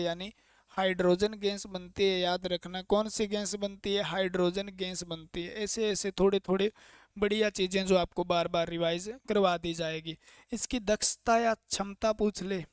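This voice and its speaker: Smooth-voiced man drilling exam-prep students. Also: sits high, no room sound, clean studio sound. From India. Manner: drilling, asks questions and answers them himself, repeats points; earnest, coaxing tone with students. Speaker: trade theory teacher. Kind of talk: online exam-prep lecture.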